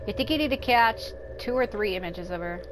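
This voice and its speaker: A woman in her thirties, speaking at home as a let's play gamer in casual, rambling gameplay commentary and thinking out loud. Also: medium pitch, lively intonation, a little fast, poor audio. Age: 30s. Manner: rambling and candid, thinking aloud. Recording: game music playing under the voice.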